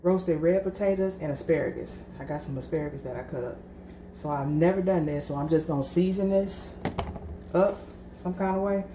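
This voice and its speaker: A woman's voice: deep voice, fairly quick. A woman vlogger cooking at home, talking casually and rambling, calling her viewers y'all. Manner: chatty and rambling, keeps addressing viewers as y'all. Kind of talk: casual cooking vlog chat. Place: home kitchen. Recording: echoey room with background noise.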